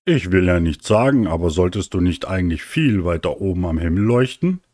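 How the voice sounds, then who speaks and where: A calm, wise cloud from a bedtime story speaks in an unhurried, gently amused way, voiced by a man. The voice stays low and dry. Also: dry recording.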